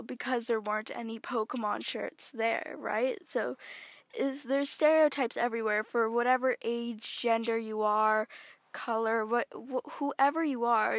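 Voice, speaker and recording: Slow-talking teenage girl podcaster. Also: on the high side, no room sound. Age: teens. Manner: rambling, chatty, many fillers and self-corrections. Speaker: podcast host. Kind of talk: casual solo podcast monologue. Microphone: close microphone.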